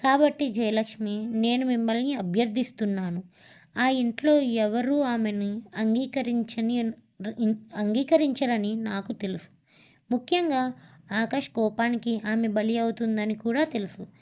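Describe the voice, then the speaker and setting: A woman's voice: on the high side, a little slow, a little mellow, close to an everyday voice. A woman reading the lines of a grave middle-aged husband who pleads earnestly. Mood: pleading.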